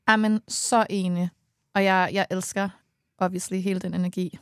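A woman's voice: lowish voice, little pitch movement, smooth, no echo, clean studio sound. A Danish woman hosting a podcast, chatting supportively and mixing in English phrases. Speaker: podcast host. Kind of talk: casual chat. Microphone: studio mic.

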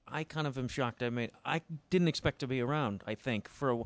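A man's voice: mid-range voice, brisk, no echo. A man in his forties hosting a casual chat, talking loosely and frankly and swearing freely. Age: 40s. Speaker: podcast host.

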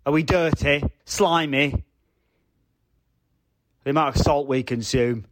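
A man playing an indignant male caller from the north, ranting in rapid questions. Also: fairly high pitch, slight background noise.

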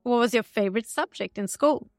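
A woman's voice: a little high, brisk, no room sound, clean studio sound. A woman hosting an interview, reading out scripted questions in an upbeat, structured way. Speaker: interview host.

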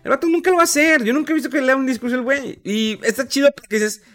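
A man's voice: very high voice, very fast, a bit bright. A man with a Mexican accent, talking casually and animatedly with slang, mocking other people in put-on voices. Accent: Mexican Spanish. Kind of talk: casual opinion chat.

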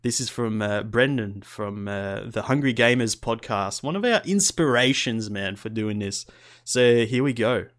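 Aussie guy hosting a podcast, mid-pitched, casual and excited. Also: measured pace. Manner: enthusiastic. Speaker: podcast host.

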